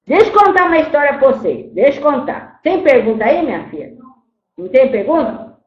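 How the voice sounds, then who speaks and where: A woman's voice: sits high, sing-song, a little fast, dull audio. A woman voicing the spirit of an old, once-enslaved grandmother. In a channeled spiritual talk, she scolds her listeners and calls them "my child". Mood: scolding. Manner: storytelling, repeats "my child", scolds then grieves. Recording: roomy echo.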